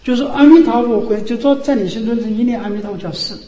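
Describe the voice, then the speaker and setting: A man giving a Buddhist sermon, often repeating rhetorical questions and dropping his voice for quiet asides. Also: very high voice, quick pace. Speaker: Buddhist teacher. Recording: echoey hall.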